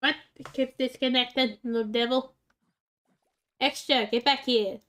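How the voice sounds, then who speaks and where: A woman talks her way through a game in a loose, chatty way. Her voice sits fairly high, and she often speaks fondly to the pets on screen. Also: steady tone, a little slow, a bit bright. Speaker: gaming channel host. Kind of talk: casual gameplay commentary.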